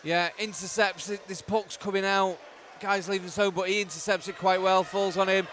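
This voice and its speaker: A man's voice: high-pitched, steady tone, moderate pace, a bit bright, slight background noise. A man giving casual color commentary on an ice hockey game, agreeable and loosely phrased, saying yeah often. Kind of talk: casual live analysis.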